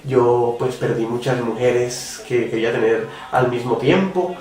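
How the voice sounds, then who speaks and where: A man's voice: medium pitch, measured pace, a little mellow, far from the mic. A man giving a devotional reflection, talking earnestly and asking the listener direct questions. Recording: roomy echo, voice from off the mic, faint music.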